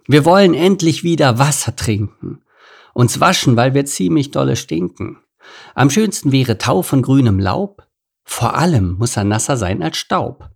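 A man voicing a column of male army ants chanting a slow rhyming march song. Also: mid-range voice, vocal fry, breathy edge, heavily acted.

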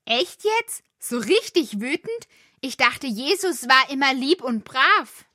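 A woman's voice: high-pitched, sing-song, slow pace, pushed and bright, no room sound, studio quality, exaggerated voice. A woman voicing a talkative, curious young worm child in a children's audio drama.

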